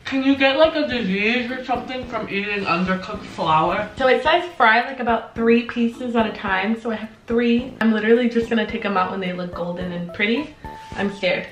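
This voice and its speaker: A young adult woman with a voice on the high side talks at a moderate pace, bubbly and chatty, poking fun at herself while she cooks in a small home kitchen for a casual cooking vlog. A camera sits on the counter, the room is reverberant, faint music plays behind her, and the audio quality is poor.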